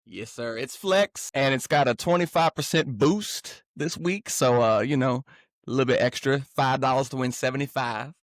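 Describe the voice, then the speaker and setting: A man's voice: medium pitch, moderate pace, no echo, studio quality. A man co-hosting a sports podcast, talking through betting picks in a laid-back, rambling way. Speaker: podcast co-host. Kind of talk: casual sports-betting chat.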